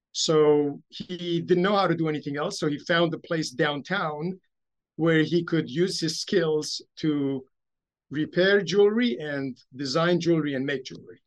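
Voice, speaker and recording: A man in his fifties from Romania, a bank executive being interviewed, who tells his life story in a measured, anecdotal way with some self-deprecating humor. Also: fairly high pitch, rough recording. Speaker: guest, investment bank CEO.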